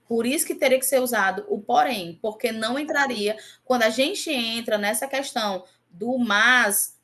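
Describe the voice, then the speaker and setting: A woman's voice: on the high side, fairly bright tone. A woman teaching a Portuguese grammar class online, going over exam answers and often checking in with her students. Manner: repeats example words slowly.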